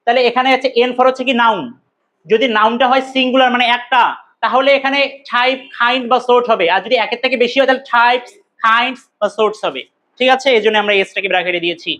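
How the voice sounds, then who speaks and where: A male teacher, a native Bengali speaker, giving an English lesson. He asks the class questions, answers them himself, and repeats words slowly to drill pronunciation. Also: very high voice, fairly even intonation, sharp tone. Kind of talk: recorded classroom lecture.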